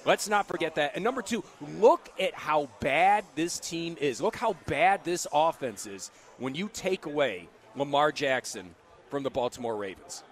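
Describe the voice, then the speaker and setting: A man's voice: on the high side, normal speed. Enthusiastic male sports radio co-host. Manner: enthusiastic, animated. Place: casino sportsbook studio.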